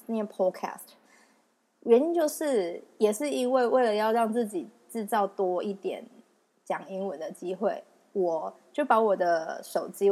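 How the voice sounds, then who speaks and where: A woman's voice: mid-range voice, a little mellow. A young woman with a Taiwanese Mandarin accent, hosting a casual solo podcast in a chatty, self-mocking way and laughing often. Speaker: podcast host.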